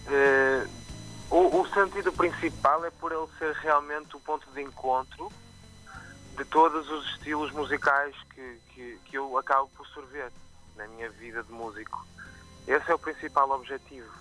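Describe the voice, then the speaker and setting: Joining a live radio interview remotely, a man with a medium-pitched voice talks casually about being a musician, stopping for fillers and starting over often. He speaks with a Porto accent plus some Brazilian expressions, and the poor audio has soft background music.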